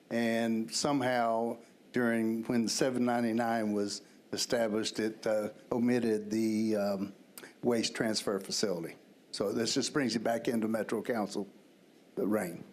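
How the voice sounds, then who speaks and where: A man on the city council explaining his bill off the cuff, halting and full of restarts. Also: mid-range voice, darkish tone. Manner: halting, many fillers and restarts. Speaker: council member sponsoring a bill. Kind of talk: unscripted council remarks.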